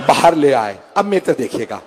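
A man's voice: medium pitch, very animated, fairly quick, a little mellow, some chatter behind, a little hiss or hum. A man delivering a mourning sermon, emotional and pleading with his listeners, rising to cries. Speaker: majlis orator. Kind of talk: mourning sermon with acted quotes.

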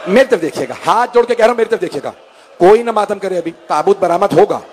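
A man's voice: high voice, lively intonation, quick pace, a little mellow, a little hiss or hum. A man delivering a mourning sermon, emotional and pleading with his listeners, rising to cries. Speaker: majlis orator. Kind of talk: mourning sermon with acted quotes.

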